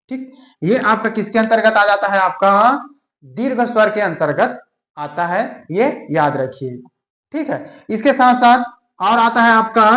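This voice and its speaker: A man with a high, slightly bright voice teaches an exam-prep grammar lesson in an echoey room. He drawls key terms slowly, word by word, and constantly checks in with the class.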